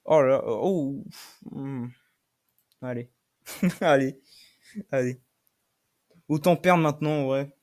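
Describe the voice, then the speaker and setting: A man's voice: mid-range voice, takes it slowly, pauses often. Swearing French-speaking gamer man. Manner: swears often, shouts in frustration at losses. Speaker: gaming streamer. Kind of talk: live game commentary.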